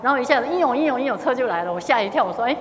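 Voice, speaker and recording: A woman's voice: on the high side, expressive, racing, roomy sound, long reverb tail. A middle-aged woman with a Taiwanese accent, a lay Buddhist speaker telling a gathering about her experiences and slipping into Hokkien phrases. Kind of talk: testimony talk to a gathering.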